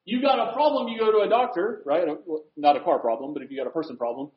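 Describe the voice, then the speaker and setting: A high-voiced male preacher delivers a fast, conversational sermon in an echoey room with a board. He asks rhetorical questions and swings between loud emphasis and quiet asides, captured in a roomy, dull lo-fi recording.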